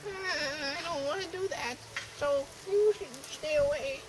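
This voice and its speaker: A woman's voice: sits high, slow pace, distant mic. A woman playing a fretful lakeside shopkeeper. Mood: pleading. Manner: rambling, pleading. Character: worried woman running a lakeside business. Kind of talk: amateur comedy skit acting. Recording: noisy outdoor home video.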